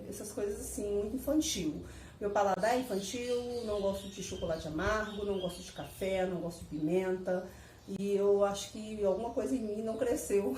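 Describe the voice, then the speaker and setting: A woman casually telling her viewers a personal story, animated and repetitive, laughing as she goes. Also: medium pitch, slight background noise. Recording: echoey room, mic at a distance.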